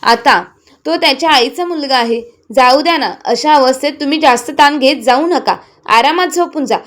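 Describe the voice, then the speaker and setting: A tired young wife in a spoken storybook who keeps her voice soft and patient, as a woman narrator reads her part. The voice is high. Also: moderate pace. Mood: weary. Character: weary, patient young wife under strain.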